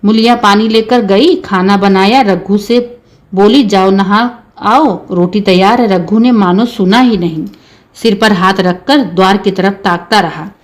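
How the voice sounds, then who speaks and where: A woman teacher reading a short story aloud in a steady storytelling way. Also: medium pitch, measured pace.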